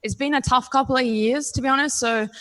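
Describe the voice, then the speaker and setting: Confident young Australian woman, slightly high voice. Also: fairly even intonation, fast talker, sharp tone. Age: 20s. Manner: confident, candid, casual with frequent ums. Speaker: professional MMA fighter. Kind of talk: post-fight press interview.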